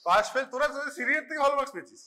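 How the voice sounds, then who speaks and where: Bengali guy teaching a college class, high bright voice, chatty and a bit scolding, mixes in english. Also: expressive, racing. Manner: chatty, scolding, switches into English mid-sentence. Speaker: forensic medicine lecturer.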